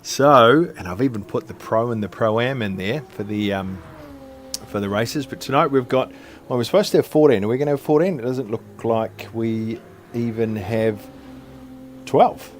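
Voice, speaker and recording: A man's voice: medium pitch, moderate pace, a little hiss or hum. Chatty man, loose and rambling. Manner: loose and chatty, self-deprecating, many fillers. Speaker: co-host doing the visuals. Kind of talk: casual sim racing stream commentary.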